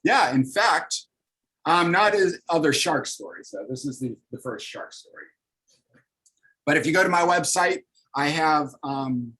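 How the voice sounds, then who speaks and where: A man's voice: mid-range voice, fairly bright tone, rough recording. A man in his thirties, a comics artist leading an online library workshop, talking casually and upbeat with many fillers over a video call.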